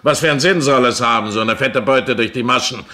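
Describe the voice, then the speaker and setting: An actor playing a coarse, hot-tempered pirate captain in a German radio play, blunt and scoffing. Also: male voice, mid-range voice, fast talker, pushed and bright. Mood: indignant.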